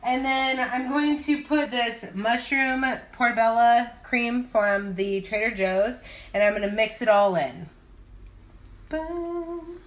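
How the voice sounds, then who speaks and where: A woman's voice: on the high side, fairly even intonation, measured pace. A tipsy woman giving a loose, rambling cooking vlog, thinking aloud in a casual way. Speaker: home cook hosting a cooking video. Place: home kitchen.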